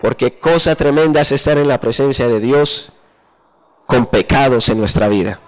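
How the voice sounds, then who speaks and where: A man preaching a sermon, often pausing mid-verse to ask his listeners what comes next and slowing down to drop low on key phrases. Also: rough recording. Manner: asks the congregation questions and pauses for answers.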